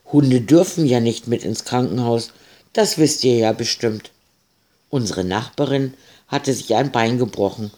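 A man reading a children's story aloud, gentle and expressive. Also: mid-range voice.

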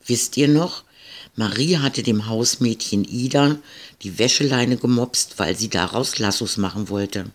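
Guy reading a kids story real slow, gentle, mid pitch.

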